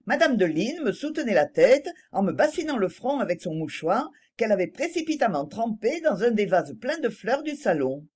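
A woman reads a first-person novel aloud as audiobook narration. Her fairly high voice rises and falls expressively through the story. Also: sing-song, normal speed, hardly any pauses, darkish tone, breathy edge.

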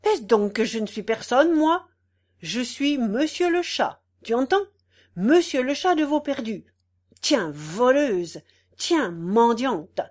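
A woman's voice: mid-range voice, lively intonation, takes it slowly. Woman putting on a pompous bullying squire. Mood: furious. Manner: boastful, then furious and shouting, then fawning.

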